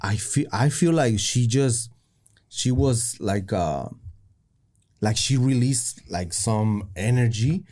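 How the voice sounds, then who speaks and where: Young male co-host, relaxed and slangy, flips between Spanish and English, darker warm voice. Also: mid-range voice, slow. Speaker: podcast co-host. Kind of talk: casual chat.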